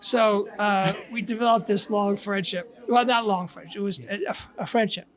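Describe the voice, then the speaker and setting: A man's voice: high-pitched, fairly even intonation, normal speed, a bit bright. An older man, a guest author, telling reflective stories in a casual podcast conversation, with frequent restarts.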